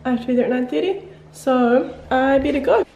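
High-voiced chatty New Zealand woman. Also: muffled recording, noisy background. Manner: chatty, upbeat, quick asides to camera. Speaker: vlogger. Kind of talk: casual vlog narration.

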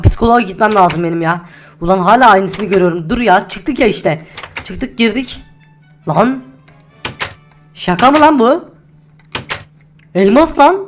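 A woman's voice: medium pitch, lightly acted. A greedy, hot-tempered man who lives for diamonds, grumbling and cursing his way through a game role-play, as a woman acts him out. He swears constantly and repeats himself in a mid-range voice. Faint music plays behind him. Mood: panicked. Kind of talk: Minecraft role-play acting.

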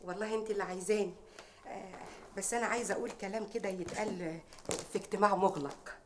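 An actress playing a bold, sharp-tongued working-class maid who speaks Egyptian Arabic, full of proverbs and mockery. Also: female voice, mid-range voice, fairly even intonation, fast talker, slight background noise, lightly acted. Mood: sly, wheedling. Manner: proverb-heavy, mocking, loud when riled. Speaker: maid confronting a rich wife.

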